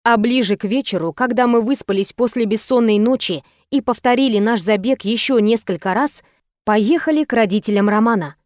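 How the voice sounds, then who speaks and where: A woman narrating an audiobook in the first person with a steady, expressive reading. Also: a little high, fairly quick, no room sound, studio quality.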